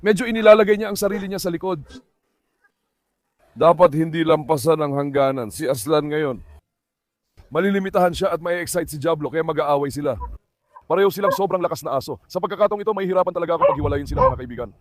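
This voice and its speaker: Isang lalaking nagkukuwento sa mga manonood habang inaalo ang kanyang mga aso. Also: male voice, a little high, fast talker. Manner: talks to viewers and coaxes his dogs. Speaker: dog owner narrating his dogs. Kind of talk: casual vlog commentary.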